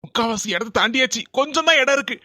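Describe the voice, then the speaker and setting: A woman acts out a self-satisfied middle-aged village husband for a cartoon, talking in a Kanyakumari Tamil accent. He brags with a quick, tinny brightness. The sound is dry and a little distant. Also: high voice, lively intonation, no echo, voice pushed down. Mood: boastful.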